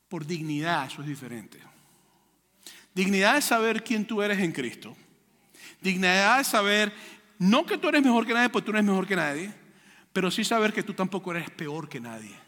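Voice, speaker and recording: A man from Venezuela preaches with a high, bright voice that carries. He is animated and jokes with the congregation. The sound rings with the long reverb of a church hall. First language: Spanish. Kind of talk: sermon.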